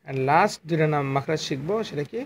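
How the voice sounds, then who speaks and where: A man teaching Quran letter articulation in an online class, explaining slowly and repeating each letter sound for his students. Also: fairly high pitch, gravelly, slight background noise. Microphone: phone.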